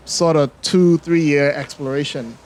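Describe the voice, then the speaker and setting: A little high and a little mellow, the voice of a filmmaker in his forties carries a Bahamian accent mixed with American, with a little hiss or hum. He reflects as a guest in a casual interview at a measured pace and fairly even intonation, with frequent fillers and restarts.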